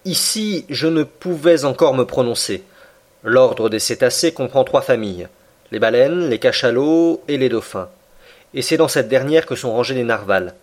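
A man narrating an audiobook in a steady, measured reading voice. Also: mid-range voice. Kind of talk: scripted narration of a classic novel.

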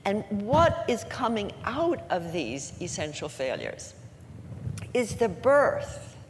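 An elderly woman in her eighties speaks earnestly to a gathered audience, drawing out the words she wants to land. Her voice sits at an ordinary pitch for a woman. It carries a long hall reverb over a faint hum of room noise. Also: sing-song. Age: 80s. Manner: earnest, slows down to stress key words. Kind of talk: inspirational public talk.

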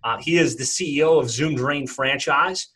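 A man's voice: mid-range voice, normal speed, sharp tone, slightly rough, poor audio. A man hosting a podcast interview, introducing his guest with plenty of fillers and repeated words. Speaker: podcast host.

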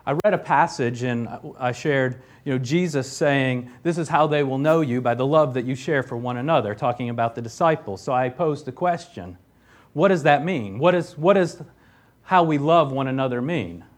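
A man preaches a sermon in a mid-range voice at a moderate pace; he is a pastor. Reading from scripture, he punctuates his points with rising emphasis and loud key phrases, occasionally slipping into casual asides.

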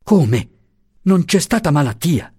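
A man's voice: lowish voice, big pitch swings, slow, darkish tone, husky, dry recording, clean studio sound, heavily acted. A man reading aloud, voicing a young father whose speech is broken and pleading with grief. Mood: shocked. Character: young father, sobbing and shaken.

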